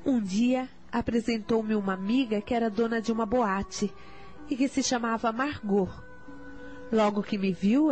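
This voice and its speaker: A woman playing a mother in her thirties with a hard past, telling her story in a slow, measured, confiding way over soft music. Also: a little high, lightly acted. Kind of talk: radio drama storytelling.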